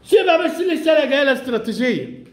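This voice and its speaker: A man's voice: extremely high pitch, big pitch swings, very fast, a little hiss or hum. A male primary school teacher with a lilt, running a classroom lesson and coaxing his pupils with frequent laughs. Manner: coaxing, encouraging, laughs often.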